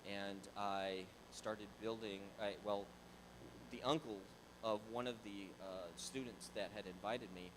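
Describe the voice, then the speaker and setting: An unhurried, chatty middle-aged pastor from Tallahassee, Florida, with a lower voice, tells his church a casual story via a handheld mic. He's animated, conversational, prone to repeating words and restarting, in a large sanctuary with a noisy background.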